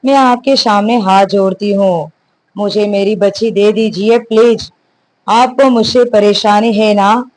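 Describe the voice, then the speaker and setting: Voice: medium pitch, fairly even intonation, a little slow, natural voice, poor audio. A narrator voicing a distraught young mother who begs tearfully for her missing child. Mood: pleading. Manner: pleading, tearful.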